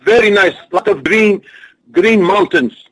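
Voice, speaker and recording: A man, a wrestler guest answering interview questions in broken English in a booming wrestling persona. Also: a little slow, noisy background.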